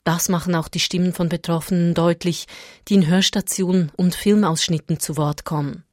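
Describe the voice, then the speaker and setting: Woman reporter, scripted radio feature, low voice, dry close recording. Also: fairly even intonation, moderate pace, no room sound. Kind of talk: scripted news narration.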